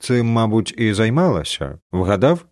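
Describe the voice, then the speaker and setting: A man's voice: fairly low pitch, sing-song, moderate pace, a little mellow, dry recording, studio quality. Man voicing a curt, sarcastic young woman. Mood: irritated. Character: sharp-tongued young woman on vacation, a space agent.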